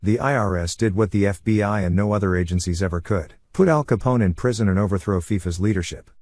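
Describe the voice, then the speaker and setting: A man reading online forum comments aloud in an even, matter-of-fact way as the narrator of a compilation. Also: fairly low pitch, fast, no room sound.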